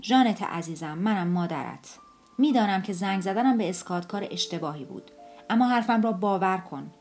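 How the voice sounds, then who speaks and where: A woman voicing a weary, unhappy middle-aged housewife who speaks in a halting, apologetic way, with faint music behind. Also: medium pitch, expressive, darkish tone, close to an everyday voice. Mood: pleading.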